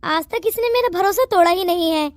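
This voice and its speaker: A woman's voice: very high-pitched, brisk. A woman voicing a stern, wealthy older father in a cartoon, speaking in a commanding, fatherly way. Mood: earnest.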